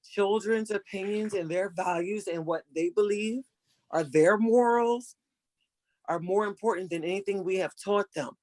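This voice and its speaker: A woman's voice: medium pitch, measured pace, darkish tone, no room sound. Earnest older woman giving motherly advice. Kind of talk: casual chat.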